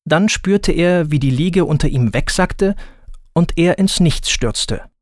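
Slow, deliberate storybook narrator, male. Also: a little high, no echo, studio quality. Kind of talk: scripted children's story narration.

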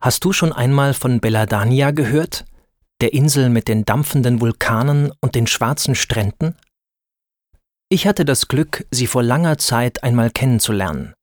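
A man tells a first-person storybook adventure at an unhurried pace and often turns to speak to the listener directly. His voice sits in a middle pitch, and it sounds dry and close to the mic. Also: no echo.

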